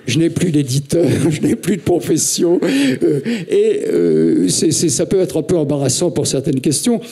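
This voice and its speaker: A man's voice: a little high, expressive, normal speed, mellow, breathy edge. A man with a French accent making wry, ironic panel remarks as a writer.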